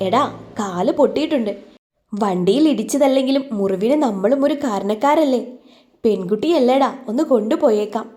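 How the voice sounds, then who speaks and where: Casting: a woman doing a gentle sensible young guy, patient and soothing, mellow tone. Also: a little high, lively intonation, normal speed, faint music behind, lightly acted. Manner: reasonable, soothing. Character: calm kind young man.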